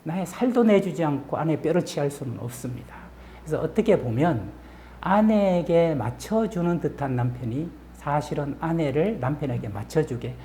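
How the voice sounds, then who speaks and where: A middle-aged man from the region, a professor and counselor, telling stories in a lively lecture style with rhetorical questions and acted-out quotes. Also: mid-range voice, creaky, a little hiss or hum. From Gyeongsang region, Korea. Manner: animated, acts out quoted lines, asks rhetorical questions. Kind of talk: storytelling lecture to camera.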